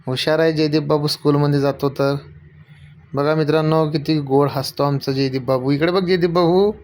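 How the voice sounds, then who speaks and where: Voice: mid-range voice, steady tone, moderate pace, a little mellow. An adult family vlogger filming at home, coaxing a small child with patient, repeated questions and talking to viewers. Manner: addresses viewers directly. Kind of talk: casual home video chat.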